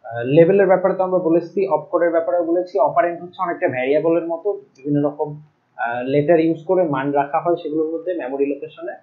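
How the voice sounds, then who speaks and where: A young man teaching programming, explaining step by step and pausing to write things out and correct himself. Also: fairly high pitch. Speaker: ICT teacher. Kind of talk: recorded classroom lecture. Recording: dull lo-fi recording.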